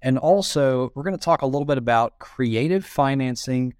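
A man's voice: mid-range voice, lively intonation, moderate pace, a little mellow, clean tone, no echo, studio quality. A man with a Southern US accent hosting a podcast interview in a loose, chatty way, full of "you know" fillers. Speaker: podcast host. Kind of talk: casual interview chat.

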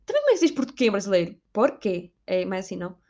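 Speaking very fast in a warm, medium-pitched voice with huge swings in pitch, a young woman from Portugal tells her viewers casual stories. This vlogger has a European Portuguese accent, wanders off on tangents, and drifts into Spanish words.

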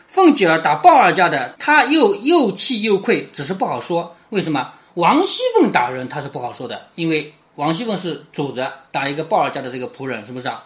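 A teacher explaining a chapter of a classic novel in a conversational way, often asking the listener "right?" and dropping to a quiet tag at the ends of sentences. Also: mid-range voice.

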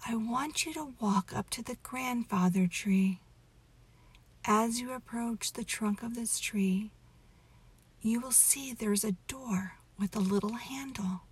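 A woman softly leading a guided meditation story in a hushed, soothing half-whisper, intimate as if right by your ear. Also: on the high side. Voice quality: soft, breathy, half-whispered. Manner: gentle, drawn-out delivery.

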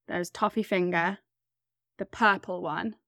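A woman's voice: lowish voice, fairly even intonation, measured pace, bright, forceful tone, dry recording, studio quality. A woman co-hosting a podcast in casual chat, upbeat and laughing often as she runs a taste test. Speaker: podcast co-host.

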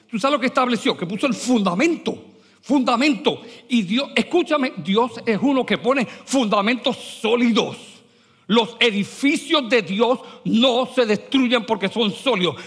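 A man preaching a lively sermon as pastor, mixing English words into his speech. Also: very high-pitched, breathy edge, long reverb tail. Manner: animated, mixes English words into Spanish.

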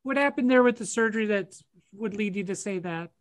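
An interviewer in a casual conversation, asking questions in a relaxed, curious way. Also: mid-range voice, brisk.

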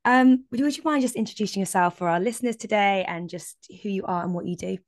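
A woman's voice: medium pitch, quick pace, dry recording, studio quality. A woman interviewing a guest casually as a podcast host.

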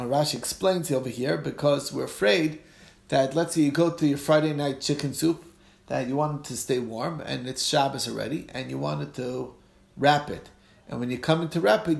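A man's voice: fairly high pitch, creaky, reverberant. A man teaches a religious class informally as a rabbi, reading text and explaining it conversationally with questions he answers himself. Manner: conversational, asks and answers own questions, checks in with listeners.

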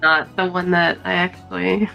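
A woman's voice: lowish voice, level tone, moderate pace, vocal fry, sharp tone, faint music behind. A woman talking casually as a player in a tabletop game. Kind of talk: casual play chat.

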